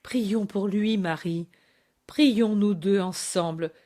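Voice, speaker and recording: A woman reading aloud and voicing a serene, gentle woman who calms a frightened friend. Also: medium pitch, takes it slowly, lightly acted. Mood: quiet prayerful. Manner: soothing, steady. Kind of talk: audiobook reading.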